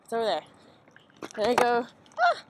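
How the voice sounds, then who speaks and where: Her pitch is fairly high and swoops wildly as this young woman, vlog host and filmmaker, rambles informally through a travel vlog at normal speed. The noisy, amateur audio comes from the built-in mic of a camera held at arm's length.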